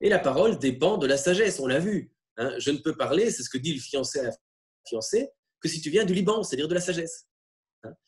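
A man lecturing on religious texts, explaining in a halting way with frequent tag questions. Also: fairly high pitch, animated.

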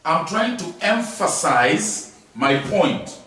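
A man's voice: a little high, sing-song, slow pace, fairly bright tone. A man giving a Bible lesson, emphatic, repeating key words and asking rhetorical questions. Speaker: Bible teacher. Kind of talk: classroom Bible teaching. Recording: very echoey hall, distant mic, faint noise.

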